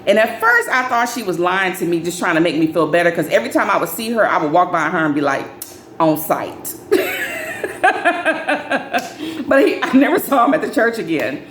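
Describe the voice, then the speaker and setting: A young adult woman telling a casual dating storytime, acting out quoted lines in a raised, animated voice. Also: quick pace, few pauses, slight background noise. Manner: animated, acts out friends' lines in higher voices. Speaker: storyteller vlogger. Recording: echoey room with faint ambience.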